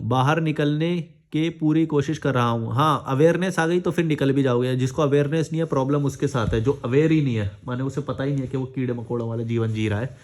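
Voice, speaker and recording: A man's voice: medium pitch, a little mellow. A man casually reading out and answering viewer comments, blunt and scolding, mixing English words into his talk. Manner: blunt, scolding, speaks his mind frankly.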